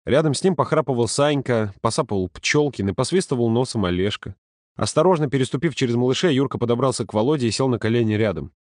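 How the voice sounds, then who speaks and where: A man narrating a story in a calm, steady audiobook reading. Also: mid-range voice, quick pace, no echo, clean studio sound. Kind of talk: scripted narration.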